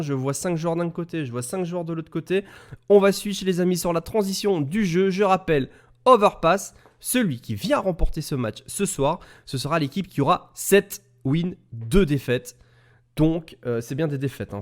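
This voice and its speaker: A Belgian man with a Belgian French accent casts a live esports match from his home setup. His voice sits a little high and swings widely in pitch as he chats and jokes with his viewers. He speaks close into an XLR studio microphone. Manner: chatty, joking, talks straight to the chat. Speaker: esports caster. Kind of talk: live game commentary.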